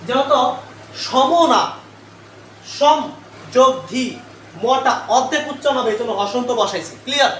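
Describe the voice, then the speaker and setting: A man's voice: very high-pitched, brisk, fairly bright tone, far from the mic. A male teacher giving a live online grammar lesson. He keeps quizzing the class with repeated questions and then answers them himself. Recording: echoey room, away from the mic, faint noise.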